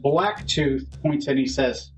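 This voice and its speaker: A man's voice: medium pitch, takes it slowly. A man narrating a tabletop game as game master, describing scenes and calling for dice rolls. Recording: dull lo-fi recording. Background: faint music.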